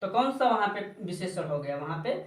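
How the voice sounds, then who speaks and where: A man's voice: high voice, lively intonation, normal speed, far from the mic. A male teacher works through a grammar lesson, putting questions to the class and answering them himself. He calls his students child and brother. His voice rings in an echoey room and sounds set back from the mic.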